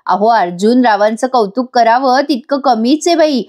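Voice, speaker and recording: A woman's voice: on the high side, expressive, moderate pace, darkish tone. Chatty woman recapping a TV serial. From Maharashtra, India. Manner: chatty, addresses viewers directly. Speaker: TV serial episode reviewer. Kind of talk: voice-over episode recap.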